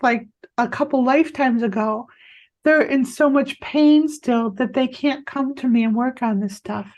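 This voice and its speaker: A woman energy healer guiding a client in a healing session, talking in a soothing, reassuring way with halting restarts. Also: high voice, a little mellow.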